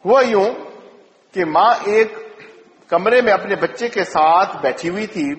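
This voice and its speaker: A man preaches a sermon with emotion, telling stories and slowing his words for emphasis. His voice sits high for a man. It rings through an echoey hall with a long reverb tail. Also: fairly bright tone. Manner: storytelling, emotive, slows for emphasis.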